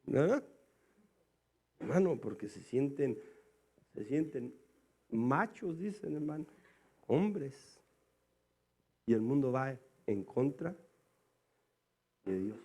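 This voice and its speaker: A male pastor preaching a sermon. He keeps calling his listeners "brother" and swings between quiet, low asides and loud, high exclamations. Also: big pitch swings, slow, long pauses, husky. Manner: calls the congregation "hermano" again and again.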